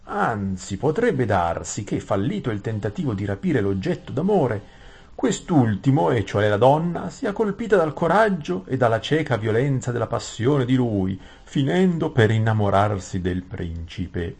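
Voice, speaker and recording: A man narrating an audiobook in a measured storytelling way. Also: medium pitch, big pitch swings, creaky, a little mellow, breathy edge. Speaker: audiobook reader.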